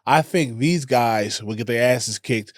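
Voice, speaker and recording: A man's voice: medium pitch, unhurried, dry recording, studio quality. A man co-hosting a podcast in laid-back, slangy casual chat. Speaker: podcast co-host.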